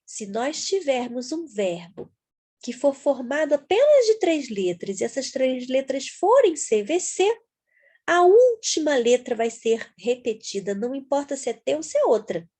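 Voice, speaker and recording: Slow, lively, breathy woman teacher. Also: high voice. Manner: patient, spells words out letter by letter. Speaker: English teacher. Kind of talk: explaining grammar to viewers.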